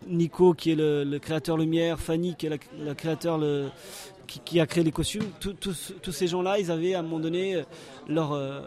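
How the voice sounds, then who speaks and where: A man from Portugal, a circus performer answering interview questions in a halting way, often searching for words. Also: fairly high pitch, steady tone, dark tone.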